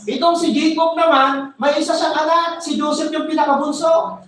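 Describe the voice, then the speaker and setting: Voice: sits high, flat delivery, moderate pace, fairly bright tone, recorded from a distance. A preacher tells a Bible story to a congregation, stopping to repeat words while reaching for a name and checking in with "right?" The voice is picked up from well back from the mic. It rings through a very echoey room, with faint noise underneath. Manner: storytelling, repeats words while searching for names, asks "di ba?" often. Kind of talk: sermon, retelling a Bible story.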